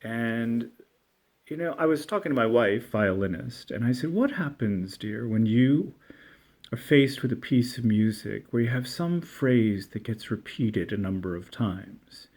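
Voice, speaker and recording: A man teaching a reading lesson on poetry, reading lines aloud slowly and with deliberate emphasis. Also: medium pitch, animated, a little mellow.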